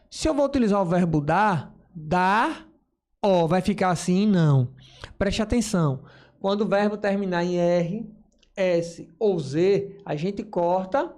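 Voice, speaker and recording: A man's voice: high-pitched, a little mellow. Man teaching a grammar lesson. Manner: explanatory, voices imagined student questions.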